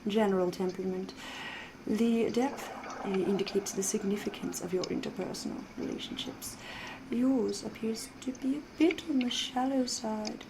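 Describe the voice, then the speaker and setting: In a soft, half-whispered ASMR roleplay, a woman voices a sly, elegant vampire who flirts with genteel phrasing and teasing pauses. Her pitch sits in the middle with a creaky texture, and there's background noise.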